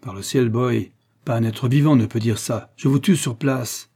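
A man reading the part of a grumbling, menacing gambler gunman in an audiobook, with a husky, mellow voice. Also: mid-range voice, normal speed. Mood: furious. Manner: grumbling, threatening.

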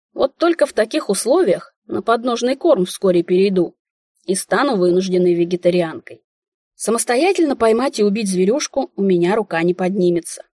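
Husky lady reading a first-person audiobook, wry and lively, dry close mic. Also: mid-range voice, no room sound. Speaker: audiobook narrator.

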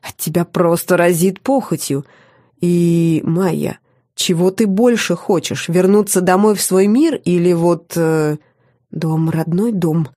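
A woman reading the part of a smug male demon who teases his lover in a slow, sweet drawl. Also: fairly low pitch, steady tone, mellow, no room sound, clean studio sound. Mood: sweet-talking.

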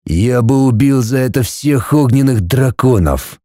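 A man's voice: mid-range voice, expressive, a little slow, warm tone, no room sound, studio quality, natural voice. A man voicing a blunt, possessive male dragon lord, speaking cool and curt. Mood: commanding.

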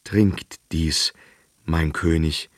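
A man's voice: very deep voice, steady tone, very slow, no echo, studio quality, voice pushed down, heavily acted. A man voicing a nervous, fussy old wizard who soothes and explains. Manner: anxious, reassuring, explanatory.

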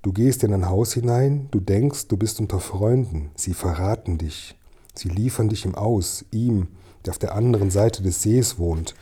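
A man's voice: lowish voice, normal speed, warm tone, breathy edge. A man reading an audiobook and voicing a frail, starving old man who whispers and wails in fear. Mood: whispering fearfully. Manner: whispering, wailing, fearful.

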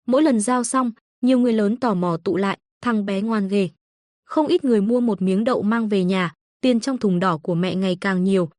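A woman narrating an audio novel in a steady, even storytelling manner. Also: medium pitch, no echo, studio quality.

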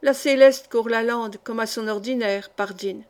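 Snippy maid in a storybook, a bit high, woman reader. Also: a little fast, natural voice. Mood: piqued. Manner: piqued. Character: piqued stout chambermaid, snippy.

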